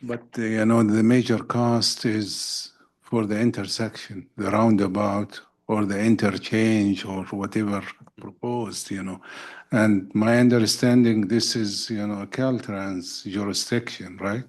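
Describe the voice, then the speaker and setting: A man's voice: fairly low pitch, level tone, unhurried. A man informally asking questions at a meeting, padding his phrases with frequent tags. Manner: frequently adds "you know".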